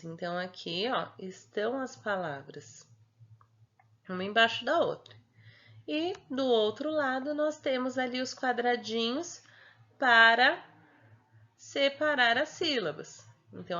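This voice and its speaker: A young woman with a Brazilian Portuguese accent explains a homework sheet to young children at a slow, patient pace. Her voice sits a little high and turns sing-song, and she keeps checking in with her pupils. The home recording sounds dull and lo-fi. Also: pushed and bright. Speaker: primary school teacher.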